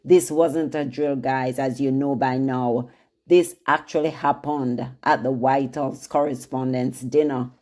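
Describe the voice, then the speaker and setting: A woman narrating a scripted news segment, grave and slow, addressing viewers directly. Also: low voice, warm tone. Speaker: news channel host.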